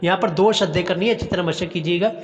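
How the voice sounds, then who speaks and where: A man teaching Quran recitation, chanting each phrase slowly and then explaining how to pronounce it. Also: high-pitched, big-room sound. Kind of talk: recitation lesson.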